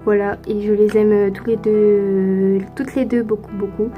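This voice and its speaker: A woman's voice: mid-range voice, level tone, measured pace, narrow, tinny audio, faint music behind. A teenage girl from France answering viewer questions in a casual vlog, chatty and hesitant with lots of fillers. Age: teens. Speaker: youtuber.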